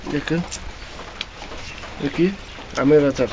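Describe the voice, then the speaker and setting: A man's voice: on the high side, steady tone, takes it slowly. A man chatting casually in a home vlog, rambling with many restarts. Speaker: vlogger. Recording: dull lo-fi phone audio with faint noise.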